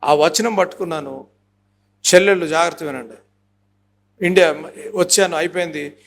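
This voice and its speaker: A man's voice: on the high side, normal speed, slight background noise. A man in his fifties preaching a sermon as pastor, emphatic and driving, slipping English phrases into his talk and acting out little dialogues.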